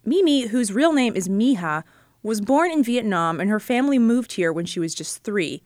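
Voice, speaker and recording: A woman reporter giving measured, scripted narration for a radio feature story. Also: medium pitch, animated, darkish tone, no room sound, studio quality.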